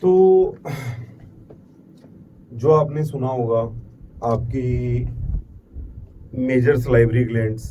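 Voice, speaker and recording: A man's voice: mid-range voice, steady tone, slow pace, long pauses, dark tone. A middle-aged man with an Indian accent giving a classroom biology lecture, dropping in English terms, repeating key words and asking and answering his own questions. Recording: distant mic with faint background noise.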